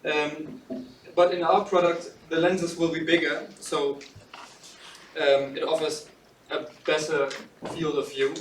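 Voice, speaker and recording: A young man presenting a product, speaking deliberately with pauses between phrases. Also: fairly high pitch, flat delivery, slight background noise. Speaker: student presenter. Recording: echoey room, distant mic.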